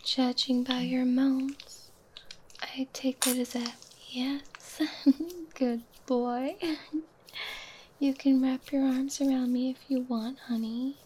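A woman whispers close and soft in an intimate ASMR roleplay. Her voice sits high but mellow and warm, and she draws every phrase out very slowly, breathy and unhurried. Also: little pitch movement, slight background noise. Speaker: audio roleplay performer.

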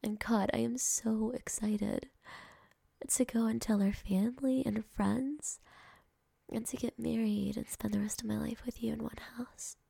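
A young woman whispering softly and affectionately to a partner in an ASMR roleplay, speaking close to the microphone. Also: a little high, steady tone, unhurried, gravelly, breathy edge, no echo. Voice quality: soft whispering, intimate and affectionate. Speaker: girlfriend in a roleplay.

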